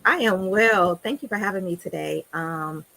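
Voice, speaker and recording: A middle-aged woman from the south side of Chicago, a guest author on a video call interview, who speaks in a measured way and pauses often with "um.". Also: mid-range voice, gravelly, sharp tone, slight background noise, rough recording. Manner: measured, pausing with "um".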